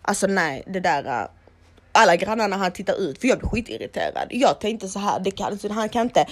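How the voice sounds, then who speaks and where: Animated young woman telling a story. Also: medium pitch. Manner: animated, swearing, mixes in English phrases. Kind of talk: casual storytime monologue.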